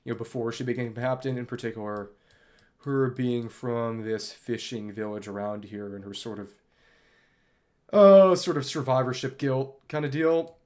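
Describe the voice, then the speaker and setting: A gaming streamer with a mid-range, somewhat mellow voice rambles casually on his livestream at a moderate pace. He's thoughtful and talkative but keeps hesitating while searching for words, with game music in the background.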